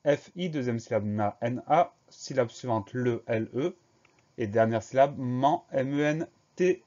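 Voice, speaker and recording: A man teaching a spelling lesson, slowly and carefully spelling words out letter by letter. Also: medium pitch, dark tone, dull audio.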